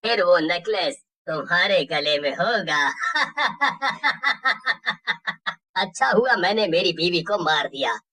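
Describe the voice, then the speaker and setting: A woman's voice: on the low side, animated, normal speed, hardly any pauses, fairly bright tone, recorded from a distance. A woman voicing a scheming village man who killed his wife, gloating with evil laughs, for a cartoon. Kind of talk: cartoon voice acting.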